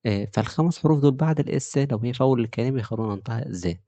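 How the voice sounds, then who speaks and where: Teaching Italian pronunciation with an Egyptian Arabic accent, this man lays out each rule step by step and repeats sample words slowly. He speaks with a mellow, medium-pitched voice, recorded with no echo.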